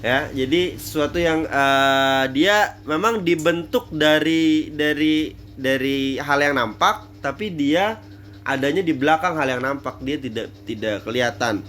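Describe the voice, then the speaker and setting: A man's voice: fairly high pitch, a little slow, a bit bright, a little hiss or hum. A man giving a casual theater lecture, thinking aloud with many fillers and restarts.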